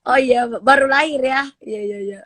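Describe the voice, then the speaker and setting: A young woman of about twenty hosts a casual phone live stream, friendly and quick to agree. Her voice sits a little high, and the phone sound is dry, with no room echo. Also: a bit bright. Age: 20s. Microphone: phone on a live video stream.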